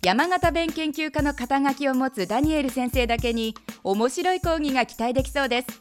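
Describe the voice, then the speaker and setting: High-voiced woman narrating a TV show. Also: animated, brisk, faint music behind. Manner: crisp, polite, announcer-like delivery. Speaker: program narrator. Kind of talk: scripted TV narration.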